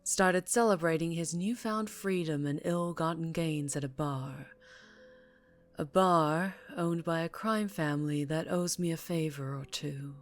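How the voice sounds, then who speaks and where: Voicing a ruthless yet tender, dangerously charming mafia boss for ASMR, this woman speaks low and very deliberately into a close-up mic, with background music behind her. She leans intimately near, occasionally almost whispering, and her fondness is condescending with cold authority beneath it. She sounds smug and contemptuous.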